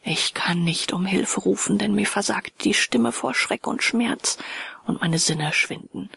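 A woman narrating a dramatic story aloud, often dropping to a hushed whisper. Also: mid-range voice, a little slow, creaky, breathy edge, no echo. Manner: dramatic, shifts between hushed whisper and raised calls. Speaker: audiobook reader.

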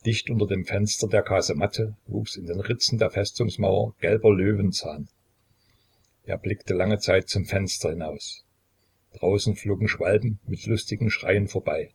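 Low, husky male audiobook narrator. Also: darkish tone. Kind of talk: scripted narration of a historical novel.

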